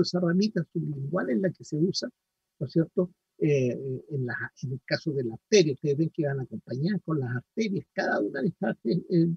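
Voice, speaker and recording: A man's voice: on the high side, creaky, no room sound, distant mic, dull audio. A middle-aged man giving a university lecture on anatomy, explaining step by step and checking in with his students. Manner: explanatory, peppered with "¿no es cierto?" and "¿ya?".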